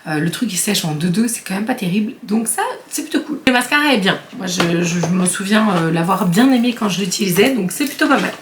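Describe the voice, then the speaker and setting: A woman chatting casually as a beauty vlogger, animated and laughing often while she unboxes products. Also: mid-range voice, background noise. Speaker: beauty YouTuber.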